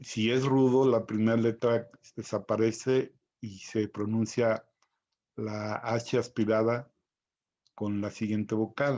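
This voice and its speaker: A man teaching a recorded Greek vocabulary lesson, spelling out each pronunciation slowly and carefully. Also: on the low side, warm tone, lo-fi sound.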